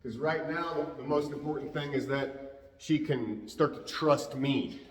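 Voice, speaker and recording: A man talks calmly and casually as a dog trainer, explaining while he works. His mid-pitched voice sits back from the mic, and a long, roomy echo trails after his words. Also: recorded from a distance. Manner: calm, easygoing, explains as he works.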